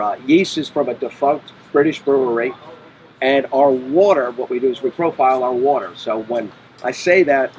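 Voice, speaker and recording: A man's voice: mid-range voice, slight background noise, rough recording. Matter-of-fact middle-aged man explaining. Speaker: brewery owner. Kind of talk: casual interview. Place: outdoor patio by a brick wall.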